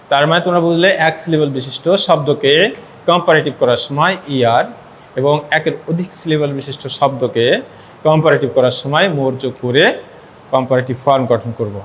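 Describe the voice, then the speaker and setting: A man teaching an English grammar lesson to a class, slowly repeating words to model pronunciation and mixing in English phrases. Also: medium pitch, a little hiss or hum. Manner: mixes English phrases into explanations. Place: classroom with students.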